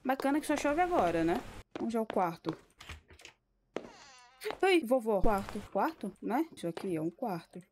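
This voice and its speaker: A woman's voice: on the high side, very animated, normal speed, pauses often, darkish tone. A young woman with a Brazilian Portuguese accent giving casual, profane horror-game commentary that breaks into yelps at the scares. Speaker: gameplay video creator. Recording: noisy recording with clicks.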